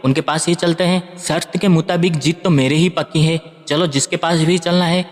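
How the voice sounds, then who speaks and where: A man's voice: a little high, fairly even intonation, moderate pace, lightly acted. A man voicing a greedy young man who talks in a scornful, cocky way, with a long hall reverb on the recording.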